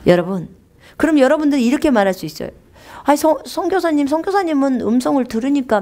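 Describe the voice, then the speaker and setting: A woman's voice: fairly high pitch, mellow. A woman preacher giving a sermon, telling stories animatedly and often addressing the congregation.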